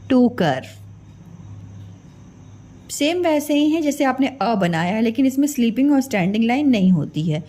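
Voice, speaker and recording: Slow, patient high-voiced woman teacher. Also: dark tone. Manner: patient, repeats each sound and quizzes the children; mixes English drawing words into her talk. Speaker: Hindi teacher. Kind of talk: children's alphabet lesson.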